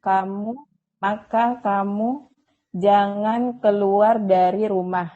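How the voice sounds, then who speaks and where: A woman from West Java reading aloud as a student in an online class. She reads softly and hesitantly. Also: mid-range voice, fairly even intonation, takes it slowly. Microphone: video call. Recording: dull lo-fi call audio.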